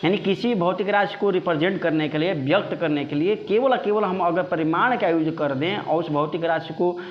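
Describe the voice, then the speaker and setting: Speaking a little fast in a high-sitting voice, a man runs an online exam prep class, hammering points home with emphatic, repeated phrases. It's captured on a dull, lo-fi recording.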